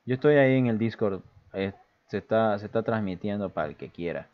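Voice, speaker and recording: A man's voice: fairly low pitch, lively intonation, a little fast. A man teaching aviation English on a casual livestream, greeting viewers and reading English phrases aloud between explanations. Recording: dull lo-fi stream audio.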